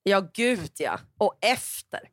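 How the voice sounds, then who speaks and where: Podcast co-host: middle-aged woman, lively storyteller who acts out her quotes, dry close mic. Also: mid-range voice, dry recording. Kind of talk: casual podcast chat.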